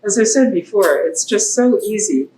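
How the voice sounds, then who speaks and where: A woman exercise instructor calmly explaining and counting through moves, encouraging. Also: moderate pace. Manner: calm, encouraging, counts reps. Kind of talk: demonstrating exercises. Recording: echoey room with faint rumble.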